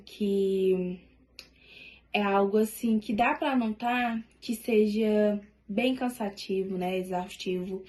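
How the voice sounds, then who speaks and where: A woman's voice: medium pitch, a little mellow. A woman giving a class presentation, hesitant and full of tag fillers. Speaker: student presenter.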